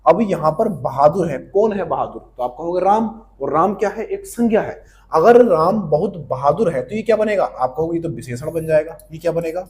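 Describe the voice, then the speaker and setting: A man's voice: on the high side, animated, normal speed, a little mellow, slight background noise. A man teaching grammar for exam prep. He talks to the viewer in a friendly way, calling them his friend. He asks a question and answers it himself, and he repeats the key terms.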